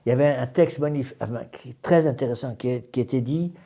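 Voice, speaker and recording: A man's voice: mid-range voice, fast talker, creaky, mellow. A man, a priest, giving a doctrinal class to a small group in an emphatic way, often repeating words and restarting phrases.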